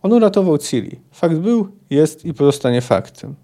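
A man's voice: a little high, very animated, moderate pace, dark tone. A man reading aloud the lines of a male bard who insistently urges his friend to let the past go. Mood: urging. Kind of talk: reading a novel's dialogue aloud.

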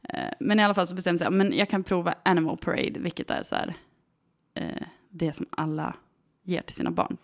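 A woman in her thirties telling a story in a casual, animated chat, with lots of fillers and hesitations. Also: fairly low pitch, vocal fry. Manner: animated, full of fillers, acts out quoted voices.

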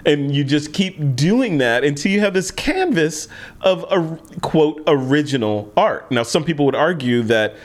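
A man's voice: fairly high pitch, animated, a little slow. A man hosting a podcast interview, chatty and rambling, often laughing at himself. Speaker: podcast host. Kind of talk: casual interview chat.

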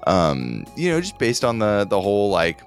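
A man co-hosting a casual podcast, animated and rambling, full of fillers. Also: fairly low pitch, normal speed, soft background music. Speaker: podcast co-host. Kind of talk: casual chat about game music.

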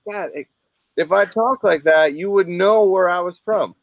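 A man's voice: high-pitched, measured pace, dry recording. A man from southern Minnesota with a Minnesota accent, telling stories animatedly in a casual podcast chat. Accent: Upper Midwest, Minnesota. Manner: animated storyteller, mimics voices, laughs often.

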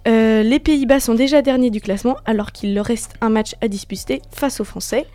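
A woman's voice: a little high, brisk, dark tone. A woman giving a semi-scripted sports report on the radio, with casual asides to her colleagues. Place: radio studio.

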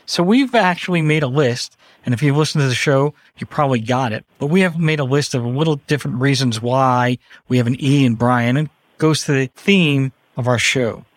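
A man's voice: medium pitch, fairly quick, dry recording. A man hosting a radio talk show, joking and chatting casually with his co-hosts in the studio.

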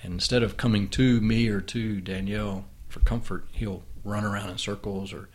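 A man with a low voice hosts a relaxed talk, thinking aloud as he goes. He speaks in an unhurried, reflective way and often restarts his sentences. He puts gentle questions to his co-host. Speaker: podcast host and author. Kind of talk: casual conversation with his wife.

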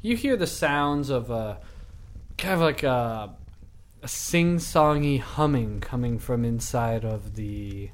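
A man narrating as game master of a tabletop role-playing game, describing scenes with a relaxed, laughing manner. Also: mid-range voice, takes it slowly.

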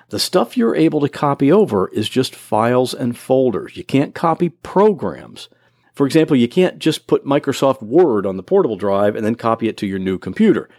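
On his solo computer help podcast, a tutor from Florida patiently explains everything step by step in everyday words. His medium-pitched voice has a darkish tone, recorded in a clean studio with no room sound.

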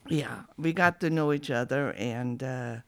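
A woman in her seventies reminiscing in an oral history interview, halting with many restarts. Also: very deep voice, no echo. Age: 70s.

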